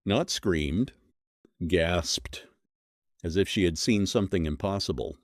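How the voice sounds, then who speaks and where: A man with a deep, low voice narrates a scripted horror mystery, building suspense through short, measured, dramatic phrases. The recording is dry and close, with no room sound.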